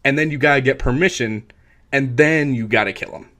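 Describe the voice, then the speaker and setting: A man's voice: medium pitch, brisk, a bit bright. A young man on a podcast casually recapping a film plot, rambling with lots of fillers. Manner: rambling, filler-heavy retelling with bursts of impressions. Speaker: podcast co-host. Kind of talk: casual movie recap chat.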